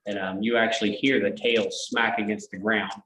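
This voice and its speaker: A man's voice: fairly low pitch, level tone, moderate pace, sharp tone, roomy sound, slight background noise, poor audio. A man running a tabletop game as game master, describing scenes in a hesitant way with many fillers.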